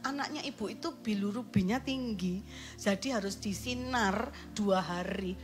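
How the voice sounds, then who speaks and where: A woman's voice: mid-range voice, normal speed, over music, natural voice. A woman voicing a polite, matter-of-fact female hospital nurse in a sermon story.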